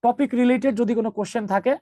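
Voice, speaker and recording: A man's voice: very high voice, fairly even intonation, fast talker, dark tone, no room sound. A man teaching an online English grammar class, joking with students and calling them 'baba'.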